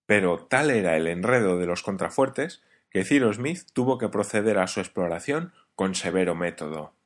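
A man narrating an audiobook in a steady, even reading. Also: on the low side.

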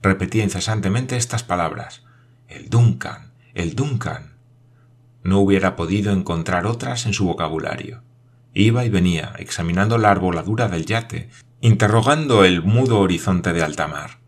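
A man with a deep, low voice reads a classic adventure novel aloud. His narration is steady and expressive. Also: fairly quick. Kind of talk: audiobook reading of a classic novel.

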